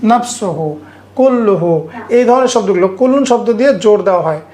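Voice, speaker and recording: High-voiced woman teaching grammar. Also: a little mellow. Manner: explains Quranic Arabic grammar step by step, quizzing students; recites Arabic verse slowly, then translates quickly. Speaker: Arabic language teacher. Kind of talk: online class lecture.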